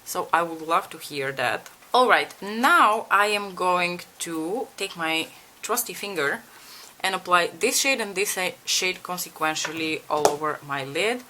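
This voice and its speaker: With a faint hiss or hum in the recording, a young Bulgarian woman does her makeup and chats frankly with her audience, asking for tips and swearing lightly. The beauty vlogger's lowish voice is unhurried, with lively intonation and a sharp tone, in a casual tutorial.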